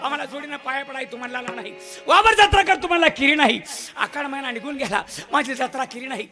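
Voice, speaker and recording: A man's voice: extremely high pitch, fast talker, music in the background. A man voicing a demanding village god who scolds his stingy devotee in a reproachful, complaining tone during a live folk comedy act.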